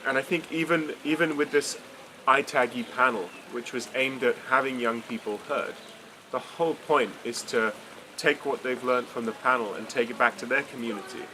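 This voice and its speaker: A man in his late twenties from England, answering interview questions in a measured, articulate way. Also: mid-range voice, steady tone, noisy background. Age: 20s. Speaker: summit participant.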